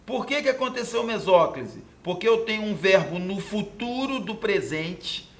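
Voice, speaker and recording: A high-voiced man from Brazil walking through exam questions as a Portuguese teacher. He explains each answer patiently, points things out on the board and keeps checking in with his students. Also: lively intonation, measured pace. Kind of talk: exam question walkthrough lesson.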